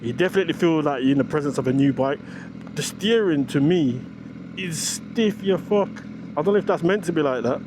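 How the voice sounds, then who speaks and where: A British man giving slangy, excitable, off-the-cuff commentary while riding a motorcycle, with wind on the mic. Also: fairly high pitch, a little fast. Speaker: motorcycle vlogger. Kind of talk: casual riding commentary, thinking aloud. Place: outdoors, riding a motorcycle on the road. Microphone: action camera microphone while riding. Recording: wind and engine noise on mic. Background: motorcycle engine and traffic noise.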